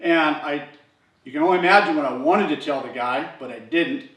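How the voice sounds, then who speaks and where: A man's voice: on the high side, moderate pace, a bit bright. Chatty man telling a shop story. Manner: chatty, acts out dialogue in quoted voices. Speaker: garage channel host. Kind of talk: casual storytelling to camera. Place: garage workshop. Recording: echoey room, from a distance.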